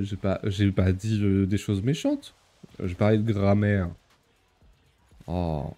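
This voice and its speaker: A man's voice: lowish voice, dark tone. A young man chatting casually on a live stream, reading the chat aloud, laughing often and using many fillers.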